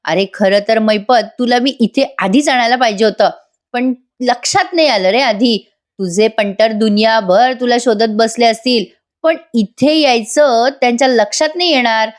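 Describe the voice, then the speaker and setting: A woman voicing a scheming male kidnapper who mocks his captive with drawn-out taunts. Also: on the high side, lightly acted. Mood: taunting.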